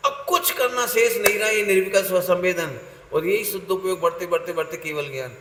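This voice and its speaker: Man giving a sermon, high bright voice, jokes and quizzes the crowd, big echoey hall. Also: brisk. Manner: playful, laughing, quizzes listeners by name. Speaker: Jain preacher leading a workshop. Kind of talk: sermon with audience questions. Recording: echoey hall with faint noise.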